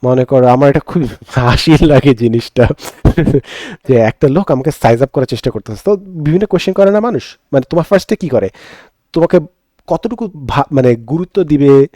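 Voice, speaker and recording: A man's voice: medium pitch, lively intonation, brisk, mellow, no echo, studio quality. A young Bangladeshi man, a teacher, giving an earnest, reflective monologue and switching between Bengali and English mid-sentence.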